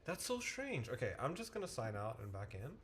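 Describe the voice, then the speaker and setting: A man's voice: medium pitch, huge pitch swings, fairly quick, fairly bright tone, slight background noise. A man who tutors math, talking casually to a livestream and thinking aloud, with frequent restarts and self-corrections. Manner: muttering to himself while waiting on the screen.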